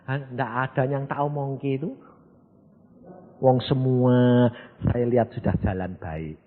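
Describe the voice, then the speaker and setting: A preacher with a Javanese accent voicing God as a solemn, quiet-spoken male figure who speaks slowly and gravely. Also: medium pitch, pitched below the performer's own voice, natural voice. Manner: slow, hushed and grave. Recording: tinny, echoey hall recording.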